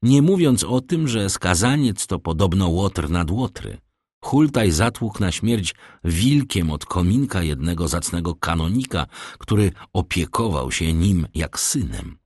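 A man voicing a suave, worldly count who speaks in measured, urbane tones, read in an audiobook. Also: low-pitched, lively intonation, a little mellow, dry recording, clean studio sound. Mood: persuasive. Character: suave worldly male count, persuasive host.

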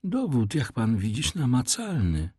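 A man's voice: medium pitch, huge pitch swings, a little slow, warm tone, husky, no echo, studio quality, pitched above the performer's own voice, full character voice. A man voicing a solemn, pompous aging Italian major posing as a father, in an audiobook reading. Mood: solemn, sly. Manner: solemn, declaiming.

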